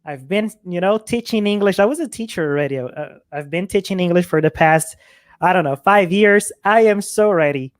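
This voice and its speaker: A woman tells a casual story on a panel, pausing now and then to think. Her voice sits a little low for a woman. The recording is dry, with almost no room sound. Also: dry recording.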